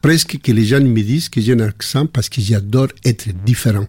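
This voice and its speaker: An older man speaking French with a foreign accent, telling personal stories in a relaxed conversation with frequent restarts. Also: medium pitch, moderate pace, breathy edge, no room sound. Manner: warm anecdotal storytelling with frequent restarts. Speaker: guest. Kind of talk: casual conversation.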